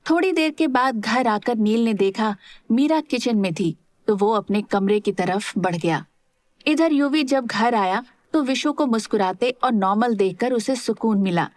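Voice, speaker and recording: A woman's voice: fairly high pitch, a little slow, dry recording. Woman narrating a serialized audio drama. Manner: steady storytelling, voices all parts.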